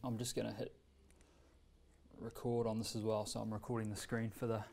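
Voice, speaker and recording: With a lowish, creaky voice, a relaxed New Zealand man demonstrates a learning tool during an informal workshop. His talk is conversational and full of pauses and fillers as he stands and walks between laptop and screen. He's recorded by a far camera in a bright, medium-sized indoor meeting room equipped with a screen.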